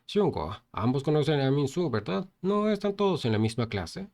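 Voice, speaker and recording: A man voicing an arrogant young male bully who sneers, then panics and shouts in a higher voice. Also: sing-song, normal speed. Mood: sneering. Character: arrogant young man bossing a frightened group.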